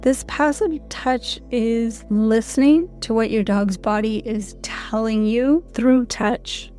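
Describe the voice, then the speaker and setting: A woman with a fairly high voice leads a guided audio lesson, speaking in calm, soothing, unhurried instructions. Soft music plays faintly behind her. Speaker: canine rehab instructor.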